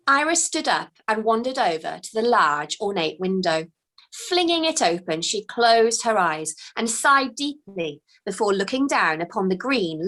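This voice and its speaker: Speaking at a medium pitch, a woman who writes children's books gives a gentle, expressive reading of one of them. She then moves on to talk casually about her upcoming book.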